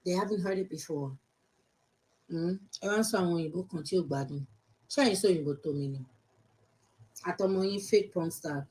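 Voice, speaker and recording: A woman's voice: lowish voice, fast talker, long pauses, a little mellow, rough recording. A woman in her fifties from Nigeria with a Nigerian accent, chatting outspokenly on a live stream and answering viewer comments, switching between English and Yoruba. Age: 50s.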